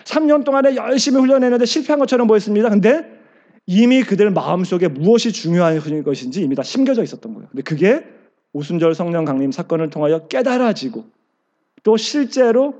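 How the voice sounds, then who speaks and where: A man's voice: high voice, dark tone, highs cut off. A male pastor preaching a sermon, asking the congregation questions and answering them himself, and acting out quoted lines.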